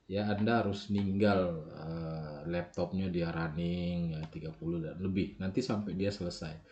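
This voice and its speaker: Man, low voice, software tutorial walkthrough, step-by-step explaining, filler tags, self-corrections. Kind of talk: screen-recorded software walkthrough.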